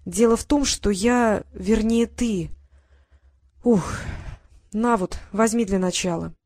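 A woman's voice: medium pitch, slow pace, a little mellow, no room sound, clean studio sound. Woman reading a nervous secretive brother. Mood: urgent. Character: anxious young brother, secretive and touchy.

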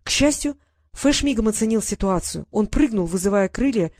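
A woman narrating a children's fantasy audiobook in an even, measured storytelling manner. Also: mid-range voice, no room sound, clean studio sound. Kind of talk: scripted narration.

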